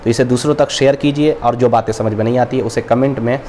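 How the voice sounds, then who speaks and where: Man, reading teacher, recorded lesson, drawn-out letter names, quick explanations, faint background hiss. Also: medium pitch, steady tone, mellow.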